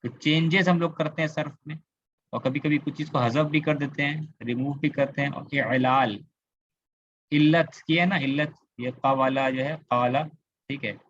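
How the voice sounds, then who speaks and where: Using a computer mic on a video call, a man with a Kolkata Indian accent teaches an online Arabic grammar class, going step by step, repeating key words and pausing to question his students. His voice is on the high side and fairly bright, with fairly even intonation at a moderate pace, though the audio is slightly dull and lo-fi.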